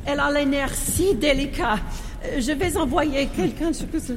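A woman's voice: sits high, normal speed. An actress playing a melodramatic, fainting aristocratic mother in a comic stage piece, swooning as in a hammy death scene. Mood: anxious, despairing. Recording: long hall reverb, loud music behind.

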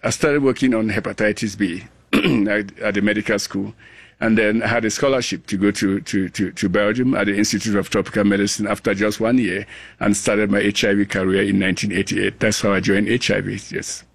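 A Cameroonian man in his sixties, a global health scientist, speaks in a lowish, flat, creaky voice with no echo. He is earnest in this conversational interview but halting, restarting his sentences again and again.

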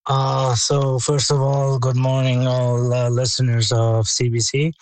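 A man from Afghanistan with an Afghan accent, a former interpreter, speaking in halting English with many pauses and fillers as an interview guest on the line. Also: medium pitch, completely flat delivery, a little mellow, no room sound, rough recording. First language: not English. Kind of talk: phone interview. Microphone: phone line.

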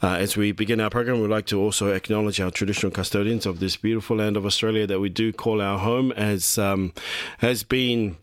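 A man hosts a community radio program from a studio, presenting and interviewing in a warm-hearted, rambling style full of fillers and restarts. His fairly low voice stays steady and runs a little fast, and the recording is dry.

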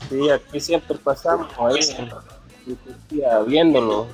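A man's voice: medium pitch, unhurried, a little mellow, soft background music. A Honduran man calling into a live radio show and giving short, plain answers. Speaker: caller.

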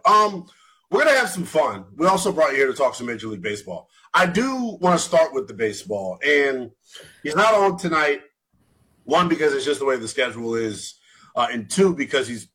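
A man's voice: medium pitch, bright, forceful tone, slightly rough, poor audio. A man in his twenties hosting a late-night sports radio show, asking long rambling questions that he corrects as he goes. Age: 20s.

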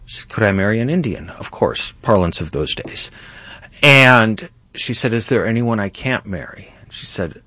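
A man's voice: lowish voice, expressive, moderate pace, pushed and bright, dry recording. A middle-aged man hosting a political talk show, speaking emphatically and rising to indignant outbursts. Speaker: host.

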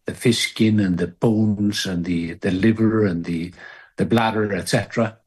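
A man's voice: fairly low pitch, fairly even intonation, unhurried, a little mellow, husky. Icelandic-born man telling his story. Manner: storytelling, with restarts. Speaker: interviewee, founder. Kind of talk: interview clip.

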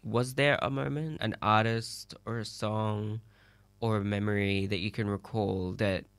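A man's voice: fairly low pitch, steady tone, unhurried, a bit bright, dry recording. A man interviewing a musician, curious and encouraging, asking long, open questions.

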